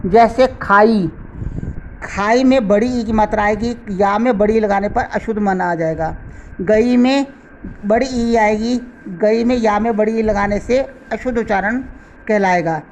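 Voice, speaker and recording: A woman teaching a grammar lesson, who speaks slowly and deliberately and repeats each example word. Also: medium pitch, darkish tone, slight background noise, low-quality recording. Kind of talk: slow explanatory lesson.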